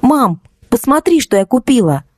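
A woman voicing a young pregnant daughter who is quick to take offence and turns hysterical, in a raised, thin voice in an audiobook reading. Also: big pitch swings, a little mellow, no echo, studio quality. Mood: cheerful. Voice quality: high, shrill, pleading when upset. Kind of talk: audiobook character voice.

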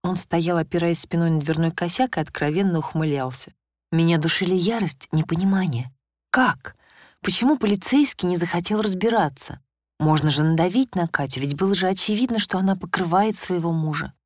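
Woman narrating an audiobook in first person, lowish voice, super dry close sound. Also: a little fast, dry recording. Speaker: audiobook reader.

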